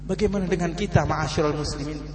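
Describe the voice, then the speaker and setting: A male preacher telling a story in a sermon, dramatic and swinging from hushed to loud, recorded in an echoey hall with a humming noise. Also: fairly high pitch, fast talker.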